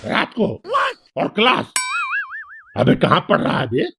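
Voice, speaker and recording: A man's voice: fairly high pitch, big pitch swings, creaky, loud music behind the voice, full character voice. A man voicing a mocking village friend. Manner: mocking, quick banter. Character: teasing village friend gossiping by fire. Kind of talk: cartoon comedy voice acting.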